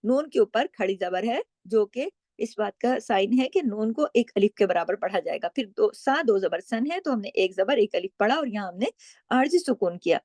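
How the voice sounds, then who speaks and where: A woman's voice: medium pitch, expressive, normal speed, darkish tone, no echo, clean studio sound. A middle-aged woman teaching recitation rules, explaining patiently and asking and answering her own questions. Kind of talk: explaining tajweed rules, with slow recited examples.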